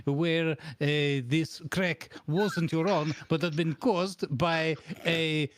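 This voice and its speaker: A man playing a deadpan, bossy boss who interviews absurd job candidates in a mock-formal, deliberate way on an improvised comedy stream. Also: a little high, slight background noise. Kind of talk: improvised comedy role-play.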